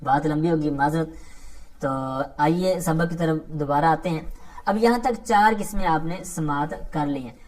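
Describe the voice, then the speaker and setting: A man's voice: a little high, darkish tone. Man giving a patient grammar lecture. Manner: keeps checking in with "theek hai" between points; recites scripture verses slowly and carefully. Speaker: religious studies teacher.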